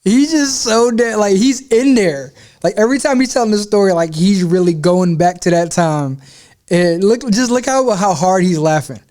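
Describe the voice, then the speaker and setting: A man's voice: high-pitched, animated, normal speed, a little mellow. A man hosting a reaction video, making laid-back casual remarks and chuckling.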